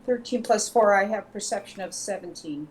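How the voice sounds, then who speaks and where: A woman's voice: mid-range voice, normal speed, rough recording. A woman playing a tabletop role-playing game, talking casually and in character. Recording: clear background noise.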